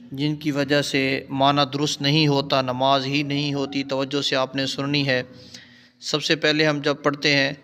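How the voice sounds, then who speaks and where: A male religious teacher with a Pakistani Urdu accent, explaining correct recitation and chanting example words slowly. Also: on the high side, fairly bright tone, big-room sound. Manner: slow, drawn-out chanting of example words between quick explanations. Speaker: Islamic scholar teaching prayer recitation.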